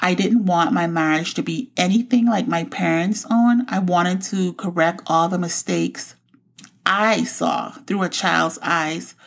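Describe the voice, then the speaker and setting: A woman's voice: fairly low pitch, steady tone, measured pace, vocal fry. A woman in her forties from the Bahamas, hosting her own show and telling her personal faith story in a reflective, heartfelt way. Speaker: podcast host.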